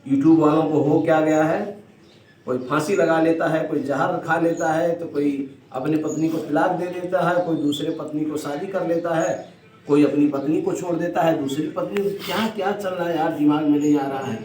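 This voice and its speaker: A man's voice: fairly high pitch, steady tone, moderate pace, a little mellow. Distant, echoey man vlogging. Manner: consoling, repeats himself, addresses viewers. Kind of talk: casual vlog narration. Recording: echoey and distant, faint noise.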